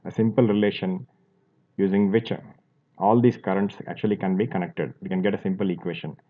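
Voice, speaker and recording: A man teaching a physics lesson, explaining step by step as he draws, with fillers and restarts. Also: lowish voice. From India. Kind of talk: classroom lecture while drawing. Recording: tinny phone-like audio.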